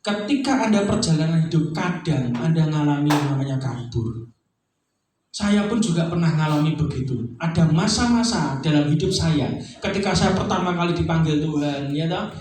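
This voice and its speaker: A middle-aged male pastor with a Javanese accent, preaching an animated sermon with frequent "ya toh?" asides. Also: a little high, normal speed, slight background noise. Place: church hall. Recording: distant mic in echoey church hall.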